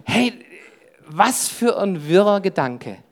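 Male preacher, family man, youth sermon, punchy and direct, peppered with "hey", sinks his voice low for inner thoughts. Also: sing-song, slow. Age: adult with wife and children. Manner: emphatic, often breaks in with "hey". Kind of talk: sermon to young people.

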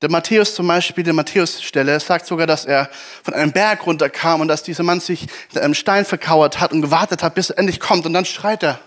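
A man preaching a sermon, telling a Bible story with animated delivery and acting out shouts and pleas from the characters. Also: a little high, quick pace.

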